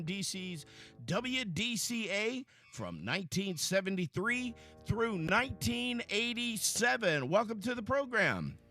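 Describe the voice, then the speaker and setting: A man's voice: high-pitched, bright, forceful tone. A man hosting a conversational interview in an eager, agreeable, joking way. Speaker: interviewer, program host.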